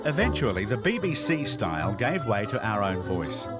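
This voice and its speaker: A man's voice: on the low side, very animated, normal speed, over loud music. A man reading scripted documentary narration.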